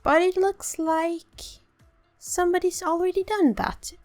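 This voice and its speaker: With a very high, a little mellow voice, fairly even intonation and a measured pace, a young southern Swedish woman hosts casual let's-play commentary in her southern Swedish accent. She chats playfully with frequent little giggles and a slightly sore throat, faint music playing behind her.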